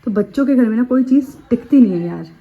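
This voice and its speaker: A woman's voice: a little high, expressive, quick pace, narrow, tinny audio. A woman in her thirties, a mother and vlogger, chatting homely and casual about her day. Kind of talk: casual vlog narration.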